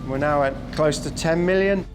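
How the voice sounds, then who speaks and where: A man's voice: a little high, moderate pace. A man working as an engineer, giving informal technical explanations in a documentary. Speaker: tunnel engineer. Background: prominent background music.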